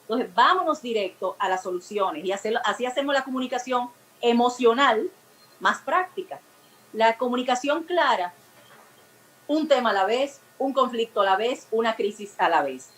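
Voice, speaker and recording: A woman's voice: a little high, expressive, moderate pace, a bit bright, low-quality recording. A woman giving talk-show advice on communication in a teaching manner, acting out everyday examples. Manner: didactic, explains with acted everyday examples. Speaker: guest expert on emotional communication.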